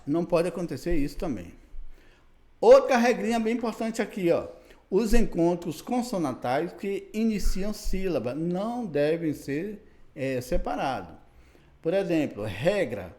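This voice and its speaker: Man, grammar teacher, fairly high and very animated voice, explanatory. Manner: explanatory, repeats "né" and "tá bom" to check understanding; spells out letters one by one. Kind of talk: recorded grammar lesson.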